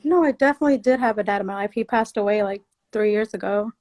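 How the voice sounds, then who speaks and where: A woman's voice: medium pitch, fast, a little mellow. A woman in her twenties talking casually as a caller on an advice show. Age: 20s. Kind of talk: casual conversation. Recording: roomy, echoing sound.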